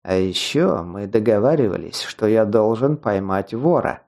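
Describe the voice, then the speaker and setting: A man voicing a calm, quietly menacing male mentor in an audiobook, talking in a soft, sugary-sweet, unhurried way. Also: mid-range voice, creaky. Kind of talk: audiobook character voice.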